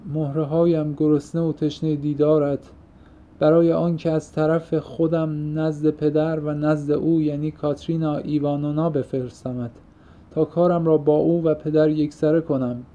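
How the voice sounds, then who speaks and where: A man's voice: on the high side, flat delivery, close to an everyday voice. A man voicing a fervent young man confessing. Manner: fervent, poetic outbursts. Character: impassioned young man pouring out his heart. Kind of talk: audiobook reading. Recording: muffled lo-fi recording.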